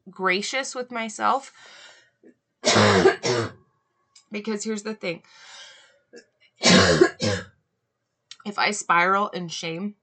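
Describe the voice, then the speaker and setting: A young woman hosting a solo podcast, talking earnestly and reflectively, often pausing on "um" and asking "right?", with an occasional cough. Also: lowish voice, vocal fry, pushed and bright. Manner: earnest, musing, frequent "um" and "right?". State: coughing now and then. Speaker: podcast host.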